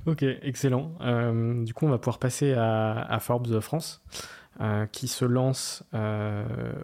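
A man hosting a podcast, asking casual interview questions with filler pauses. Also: mid-range voice, fairly even intonation, vocal fry, a little mellow. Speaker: podcast host.

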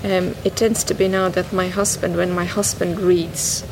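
Speaking low with little pitch movement, a guest whose first language is Estonian reflects thoughtfully on a poem inside a noisy public bookshop. She hesitates often, restarting sentences and leaning on "you know."

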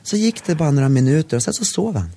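Male storyteller, husky tone, animated melody, restless restarts. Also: fairly high pitch. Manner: warm storytelling with many restarts. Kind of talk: casual chat.

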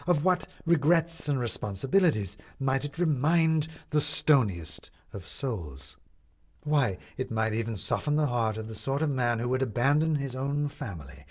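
A man reading a story, voicing a grandiose male showman who milks a crowd with drawn-out proclamations. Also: expressive, natural voice. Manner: theatrical, booming, drawn-out proclamations.

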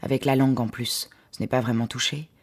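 A woman's voice: extremely low pitch, fairly even intonation, brisk, slightly rough, heavily acted. A woman voicing a pushy, creepy, skinny young man in her story, speaking insistently and smarmily. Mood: smarmy.

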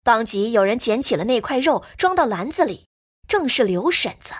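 A woman's voice: fairly high pitch, big pitch swings, normal speed, breathy edge. A woman narrating an audio drama expressively.

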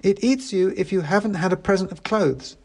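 A man's voice: high voice, moderate pace, a little mellow, voice pushed up. Man doing a matter-of-fact young girl. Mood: explaining.

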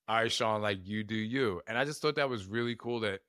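A man's voice: lowish voice, brisk, a bit bright, no room sound, studio quality. Casual man hosting a self-help podcast. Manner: casual, conversational, full of "like" and asides, coaching listeners with questions. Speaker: podcast host. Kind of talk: reflective self-help monologue.

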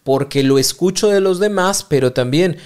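A man's voice: a little high, moderate pace, darkish tone, clean tone. A man with a Mexican accent hosting a podcast, talking straight to the listener and explaining ideas through small acted-out exchanges. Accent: Mexican Spanish. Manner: speaks directly to the listener and acts out little dialogues. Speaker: podcast host.

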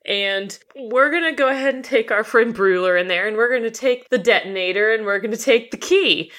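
A woman's voice: a little high, brisk, fairly bright tone. A woman casually improvising what her character does as a player on a tabletop role-playing podcast. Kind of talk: casual improvised game narration.

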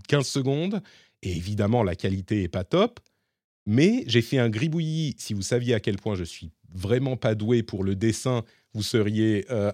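A man co-hosts a casual tech podcast in a fairly low, darkish voice marked by a slightly hybrid French accent. He explains things with lots of fillers and restarts. The studio sound is clean, with no echo.

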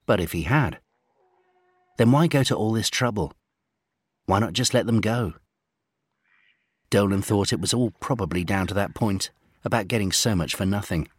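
A man narrates a storybook adventure in a low, husky voice. His reading is steady and gently dramatic. The recording is close and dry. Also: moderate pace, long pauses, no room sound.

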